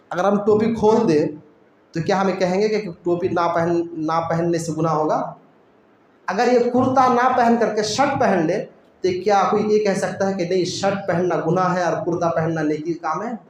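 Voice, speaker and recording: A man's voice: high-pitched, moderate pace, darkish tone. A man giving a religious lecture in a mosque, explaining a point step by step and asking rhetorical questions that he answers himself. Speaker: Islamic preacher. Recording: very echoey room, faint noise.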